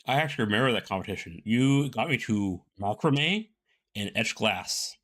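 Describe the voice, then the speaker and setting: A man hosts a relaxed, informal interview, thinking aloud in halting phrases. His voice sits fairly low but has a bright, forward edge. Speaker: interviewer, host. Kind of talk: casual conversational interview.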